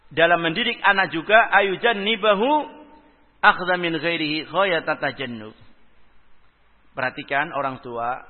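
A man preaches a religious lecture, his fairly high voice swinging from loud emphasis to soft asides and weaving in Arabic phrases. The sound is thin and tinny, like a phone line, and a long hall reverb trails after each phrase. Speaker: Islamic preacher.

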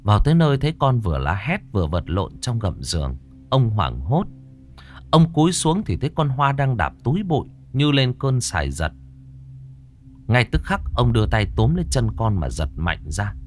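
A man tells a ghost story in a dramatic way. His pitch moves a great deal, rising and falling with the tension. His voice sits in an ordinary middle range. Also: moderate pace. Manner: lively, dramatic telling.

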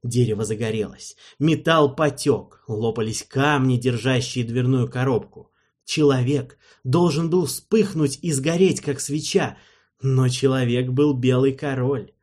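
A man narrating an audiobook in a measured, storytelling manner, with a husky voice. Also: mid-range voice, a little mellow.

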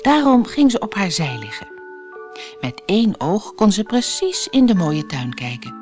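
A woman from the Netherlands reading a children's storybook aloud with lively, expressive narration over soft music. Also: mid-range voice, measured pace.

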